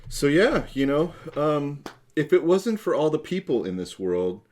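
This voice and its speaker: A man co-hosting a casual live-stream chat show, playful and quick to laugh. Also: a little high. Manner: playful, laughs often, animated. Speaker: co-host.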